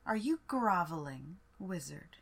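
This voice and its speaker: A woman voicing a haughty, cruel warlord queen who mocks her captive in a slow, sneering, half-whispered way. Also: on the low side, big pitch swings, gravelly, slightly rough, exaggerated voice. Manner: sneering, mocking, slow and deliberate.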